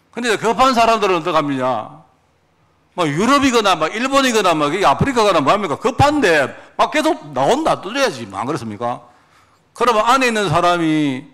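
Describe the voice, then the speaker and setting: A middle-aged man preaching a sermon as pastor, animated, acting out quoted prayers. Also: fairly high pitch. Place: church sanctuary.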